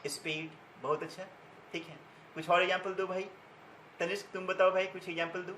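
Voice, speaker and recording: Bright, high-voiced male physics teacher. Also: little pitch movement, fairly quick, roomy sound, slight background noise, low-quality recording. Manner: repeats key terms and asks students questions; mixes Hindi with English terms. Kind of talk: classroom lecture.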